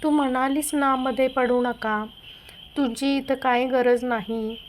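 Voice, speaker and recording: A woman's voice: high voice, steady tone, takes it slowly, a little hiss or hum. A woman voicing an angry young husband who accuses his wife in a read-aloud story.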